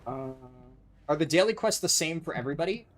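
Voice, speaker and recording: A man's voice: a little high, animated, quick pace, a little hiss or hum. A man chatting casually and sardonically as he commentates on his gaming livestream. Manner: sardonic, sweary. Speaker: live streamer, speedrunner.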